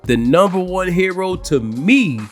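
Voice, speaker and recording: A young man with a stuffy, congested voice, hosting an anime commentary video in a laid-back, smooth lounge-host manner. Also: high-pitched, expressive, a little slow, over loud music. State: congested from a cold.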